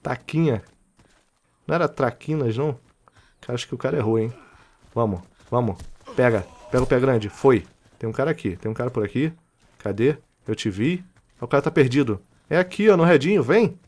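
A man with a Rio de Janeiro Brazilian accent giving casual, excitable gameplay commentary, taunting enemies and laughing as he plays. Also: mid-range voice, a little fast. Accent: Brazilian Portuguese, Rio de Janeiro. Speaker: gaming channel host.

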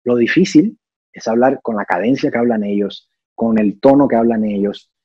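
A man's voice: mid-range voice, normal speed, breathy edge, no echo, muffled recording. A young man, an actor and singer, talking through ideas in a casual interview, thoughtful and full of restarts. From Cuba. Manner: thoughtful, explanatory, many restarts and fillers.

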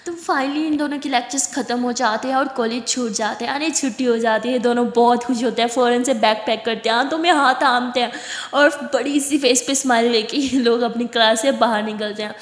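A woman's voice: a little high, steady tone, brisk. A woman narrating a college romance story in a conversational way, in an echoey room with a long reverb.

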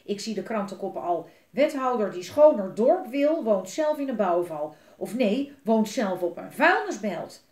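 A woman reading aloud voices an angry father who shouts and scolds his children, in a roomy-sounding room. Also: medium pitch, lively intonation, unhurried, few pauses, natural voice. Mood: furious. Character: furious strict father, a village alderman. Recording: roomy echo.

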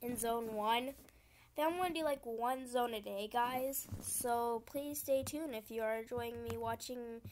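A young woman YouTuber gives running commentary as she plays a computer game. She keeps up a chatty flow and vents her frustration out loud. Her voice sits a bit high, and a faint background hiss runs under the recording. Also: a little slow. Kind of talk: gaming commentary.

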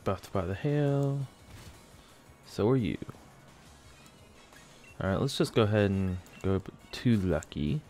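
A man's voice: fairly low pitch, animated, slow pace, pauses often, dark tone. A man giving casual Let's Play commentary as a gaming YouTuber, chatting to the game and its creatures as he plays. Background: faint game music.

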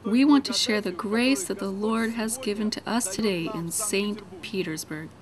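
A woman's voice: medium pitch, a crowd in the background. Earnest woman narrating a church voice-over. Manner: earnest, measured preaching tone. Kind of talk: read church introduction voice-over.

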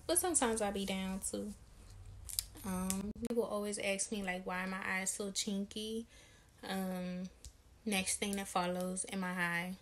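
A young woman in her twenties from Maryland talks through a casual Q&A vlog. Her manner is candid and slangy, with an easygoing, slightly tired delivery and a pitch in the middle of the usual range. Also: creaky, a bit bright. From Maryland, USA. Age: 20s. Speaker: vlogger and lash business owner.

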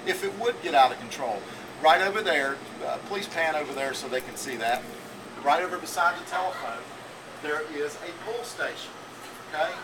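A man in his forties demonstrates in a school teaching kitchen, rambling through his points and tagging them with "okay?". His voice sits a bit high and is picked up by a camera a few feet away, with a steady air-conditioning hum underneath. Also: moderate pace, far from the mic. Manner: rambling, repetitive, checks in with "okay?". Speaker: culinary teacher. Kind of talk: classroom cooking demonstration. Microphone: camera mic from a few feet away.

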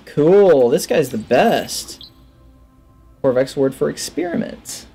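Warm and breathy, this man's fairly high voice is very animated even at a slow pace, with soft music behind it. In his thirties and hosting gaming videos, he gives casual let's play commentary through a headset, musing to himself and reading game text aloud.

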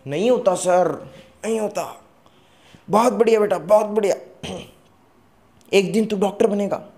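Male biology teacher, teasing exam-prep lecturer, warm dark tone, mix. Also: high-pitched. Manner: teasing, answers his own questions in a student voice.

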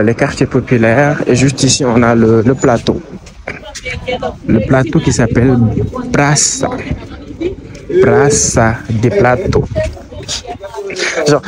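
A young travel vlogger with a medium-pitched voice talks casually to his handheld camera while walking busy city streets, thinking out loud and restarting his sentences hesitantly. Street and traffic noise fill the outdoor recording.

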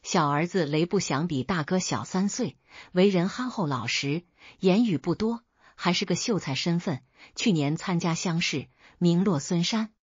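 A woman storyteller reading a folk tale as steady, expressive scripted narration on a dull, dry recording. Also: on the low side, moderate pace, slightly rough, no echo.

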